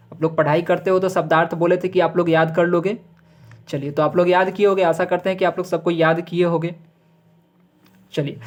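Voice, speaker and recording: A male schoolteacher talks students through a grammar lesson. He slows right down to read each answer aloud, tags lines with quick checks, and drops in English words. When he slips he corrects himself with a quick "sorry". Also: high-pitched. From Bihar, India. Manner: reads answers out slowly, with frequent "ठीक है" checks; self-corrects with "sorry" mid-sentence. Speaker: teacher. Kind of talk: recorded class lesson.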